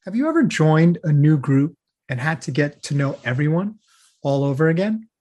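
A man hosts a casual interview in an upbeat, friendly way. His voice sits a bit higher than most men's, and he reads the opening before easing into relaxed questions. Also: normal speed. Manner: upbeat, friendly, with scripted intro reading. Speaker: podcast host.

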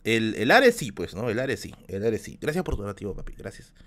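A man's voice: on the low side, very animated, a little fast, a bit bright. A man, a streamer telling stories in casual chat, rambling with many restarts while sick with a bad flu. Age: 30s. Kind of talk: casual storytelling on a live stream.

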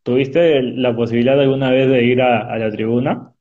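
Here a man with a mid-range voice and fairly even intonation interviews someone in a rapid question round on a video call. His questions are short, direct and dotted with filler pauses, and the remote call audio comes through dull and choppy on a poor connection.

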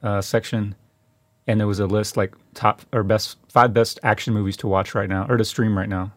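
A man co-hosting a film podcast, chatting casually in a halting, rambling way with many restarts. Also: fairly low pitch, fairly even intonation, dry recording. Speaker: podcast co-host.

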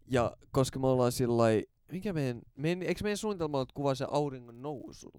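A young man hosting a podcast, telling stories in animated casual chat with sudden loud excited bursts and swearing. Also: medium pitch, clean tone, no room sound, clean studio sound. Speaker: podcast host.

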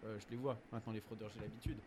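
A man's voice: on the low side, little pitch movement, very noisy, voice pushed down, natural voice. A young man playing a self-assured ticket inspector who tells how he caught a fare dodger. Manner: quick, self-assured storytelling.

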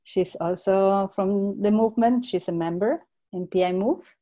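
A woman hosting a casual interview, friendly and quick to laugh. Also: mid-range voice, mellow. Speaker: host.

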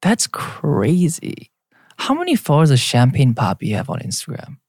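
Co-hosting a podcast, a young adult man in his late twenties banters casually, playfully teases his co-host, and reads out lists. His slightly high voice is gravelly, husky, and darkish, with huge pitch swings at a normal speed, captured in clean studio sound without echo.

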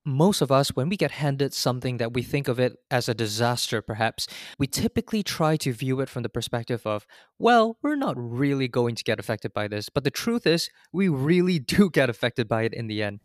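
A man hosting a student podcast speaks at a middle pitch, asking smooth, well-prepared questions. His voice is recorded close and dry, with no room sound around it. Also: animated, fairly quick, no room sound. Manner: polished, semi-scripted questions. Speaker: podcast co-host. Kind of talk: podcast interview.

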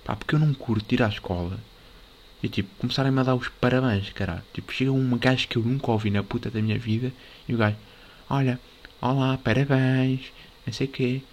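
A man's voice: mid-range voice, quick pace. A teenage guy with a European Portuguese accent delivering a crude, swear-filled comic rant full of filler words. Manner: crude, swearing-heavy, rambling with constant filler. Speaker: comedy vlogger.

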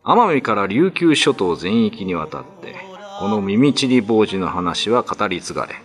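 Over background music, a man with a lowish voice tells a classical ghost story for radio drama. His delivery is very animated and a little slow, theatrical, ominous, and scripted.

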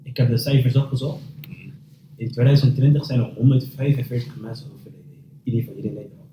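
A man in a casual podcast chat, calm and reasoning as he explains his point. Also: medium pitch, quick pace. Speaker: podcast co-host. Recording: roomy echo from off the mic, faint noise.

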